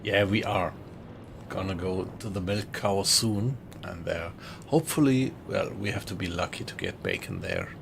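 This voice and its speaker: A man's voice: deep voice, normal speed, gravelly, background noise. A man with a German accent, casually commentating a live game stream and chatting with viewers. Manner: relaxed, chatty, greets viewers in chat.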